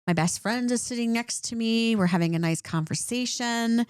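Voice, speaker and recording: A woman's voice: on the high side, normal speed, smooth, no room sound, clean studio sound. A woman clinician co-hosting a podcast, explaining points in a conversational way and often checking in with "right?". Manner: animated, repeats points with "right?".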